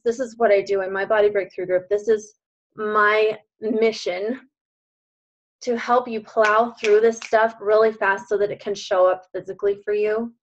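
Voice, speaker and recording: A woman's voice: medium pitch, dull audio. A woman coach leading an online group class over a video call, speaking in an earnest, emphatic and encouraging way.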